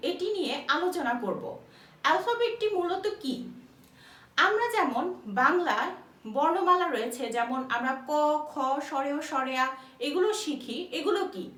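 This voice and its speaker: Woman teacher, high lively voice, patient repeat-after-me delivery, roomy sound from a distant mic. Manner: slow, patient, repeats each letter for students to copy. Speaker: English teacher. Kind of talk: spoken language lesson.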